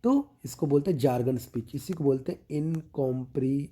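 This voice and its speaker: Deep-toned man explaining in measured lecture style. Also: dark tone. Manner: explanatory, checks in with "theek hai" after each point; slows and drops to stress key terms. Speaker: medical exam tutor. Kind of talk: lecture teaching with mnemonics.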